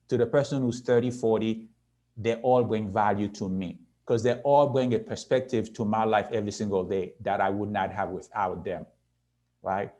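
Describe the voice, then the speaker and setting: A man in his sixties speaks at a youth conference, earnest and steady, often checking in with his listeners. His voice sits at an ordinary middle pitch, and his pace slows and quickens as he makes his points. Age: 60s. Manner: earnest, repeats "right?" to the audience. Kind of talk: motivational presentation.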